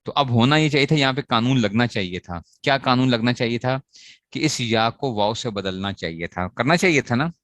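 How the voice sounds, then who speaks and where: A man's voice: medium pitch, animated, fairly quick, fairly bright tone, no room sound. A man teaching a grammar lesson to students, asking questions and answering them himself as he repeats the key points. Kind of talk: classroom lecture on Arabic grammar.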